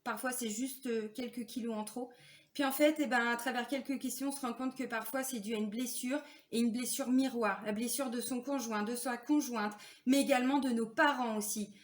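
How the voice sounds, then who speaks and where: A woman's voice: on the high side, fairly even intonation, moderate pace. A woman working as a spiritual therapist, talking casually and confidingly to her viewers, full of fillers and tag questions. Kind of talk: casual talk to camera viewers.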